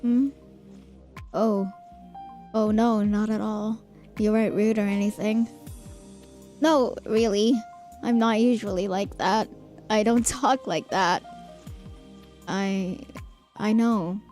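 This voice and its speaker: A young woman streamer reading a visual novel aloud in a soft, hesitant, apologetic way. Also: mid-range voice, fairly even intonation, slow pace, long pauses, soft background music. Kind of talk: reading game dialogue and first-person narration aloud.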